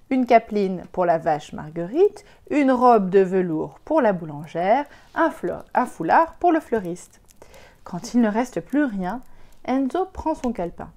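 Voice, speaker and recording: A woman tells a children's story aloud, gentle and clear. Her voice is mellow and warm, at an ordinary middle pitch.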